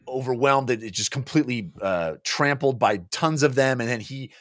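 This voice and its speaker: A man in his forties, hosting a book club podcast from a small home studio, recaps a novel in casual, jokey chat and animatedly voices the characters' lines. His mid-range voice keeps a moderate pace, captured close on a boom-arm studio microphone with no room sound.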